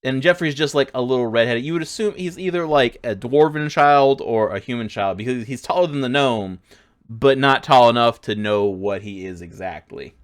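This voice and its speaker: A man's voice: medium pitch, moderate pace. A man narrating a tabletop game as game master, rambling with lots of fillers. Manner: rambling, filler-heavy, laughs a lot.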